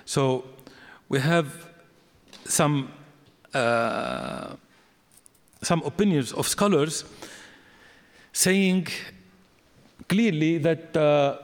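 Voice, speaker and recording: A man lecturing slowly and deliberately, his voice sitting a little high for a man. He explains step by step, pausing on fillers and restarting phrases. The sound carries a long hall reverb. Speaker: biblical studies lecturer. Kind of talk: academic lecture.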